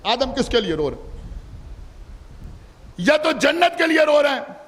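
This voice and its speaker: A man with a Lucknow Urdu accent delivering a Muharram sermon as a cleric, swinging between soft asides and loud declaiming. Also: extremely high pitch, sing-song, normal speed. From India. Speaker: Shia cleric. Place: large imambargah hall. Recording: long hall reverb from live majlis.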